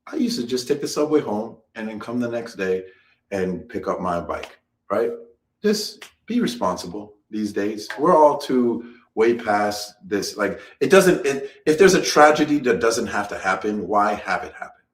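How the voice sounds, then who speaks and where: A man with a low-pitched voice co-hosts a casual live stream, talking in a loose, rambling way and circling back over his own phrases. He laughs easily. His voice carries an echo from the room around him. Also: sing-song, moderate pace. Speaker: co-host.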